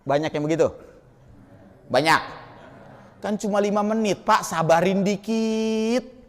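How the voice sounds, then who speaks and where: High-voiced man preaching in an echoing mosque. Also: unhurried. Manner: colloquial, addresses listeners directly. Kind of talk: sermon. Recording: echoey mosque hall.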